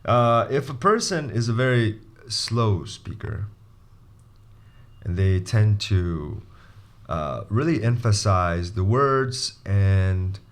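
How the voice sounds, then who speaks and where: A man's voice: lowish voice, lively intonation, slow. A man teaching as an interview coach in a casual spoken lesson, walking through his points one by one in a conversational way.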